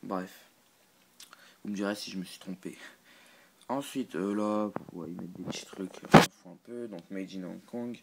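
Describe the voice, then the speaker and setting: Low-voiced hesitant man reviewing gear. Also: moderate pace, creaky, pauses often, heavy background noise. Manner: hesitant, filler-heavy, restarts often; self-mocking, laughs at own slips. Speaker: channel host reviewing a replica gun. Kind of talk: casual unscripted product review.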